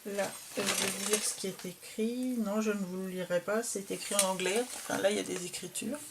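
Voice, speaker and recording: A woman talking casually as she shows and describes a handmade craft album, hesitant and full of pauses. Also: mid-range voice, steady tone, very noisy. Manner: slow, hesitant, filled with "euh". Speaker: craft vlogger showing a received album. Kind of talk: casual show-and-tell.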